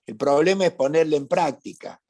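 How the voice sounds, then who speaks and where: A man's voice: on the high side, animated, moderate pace, dark tone. A man from Córdoba with a Cordobese Argentine accent, preaching a sermon to his congregation, emphatic and full of rhetorical questions and repeated phrases. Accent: Cordobese Argentine Spanish. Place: church meeting hall.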